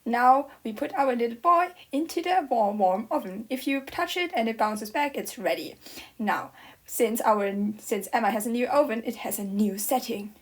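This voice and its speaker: A woman's voice: fairly high pitch, animated, normal speed. Playful woman narrating her baking. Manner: playful, mock-dramatic asides. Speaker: co-host baking. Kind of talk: casual cooking vlog narration.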